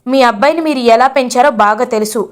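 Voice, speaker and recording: A woman voicing an angry young heroine who confronts and accuses a villain, shouting. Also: a little high, brisk, lightly acted. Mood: firm.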